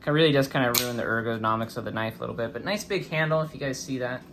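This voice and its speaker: Speaking at a racing pace with a medium-pitched voice, a man hosting a knife review channel runs through an informal, chatty product review. A swollen face after getting his wisdom teeth out slightly impedes his speech, and the background is noisy.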